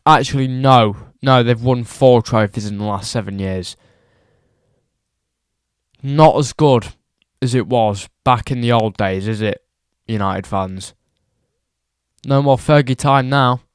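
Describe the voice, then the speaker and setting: A young man delivers an exasperated football rant at an unhurried pace, hammering the same points again and again. His voice comes through smooth and clean, with a dry, close sound. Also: medium pitch, dry recording. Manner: exasperated, repeats points for emphasis. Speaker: football vlogger. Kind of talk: ranting football commentary.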